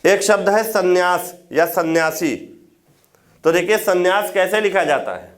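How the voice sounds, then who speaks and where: A man teaching Hindi grammar for exam prep, explaining step by step, repeating key words for students to note and checking in with quick questions. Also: high voice.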